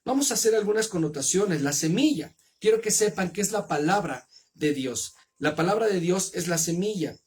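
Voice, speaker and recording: A man with a Mexican accent reading the Bible aloud and then preaching on it in an earnest, measured way. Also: sits high, expressive, a little mellow, slightly rough.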